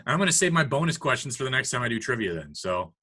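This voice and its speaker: A man's voice: mid-range voice, big pitch swings, fast, pushed and bright, husky. A young man hosting a casual podcast, running a trivia game, teasing his co-hosts and laughing often. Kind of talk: casual chat.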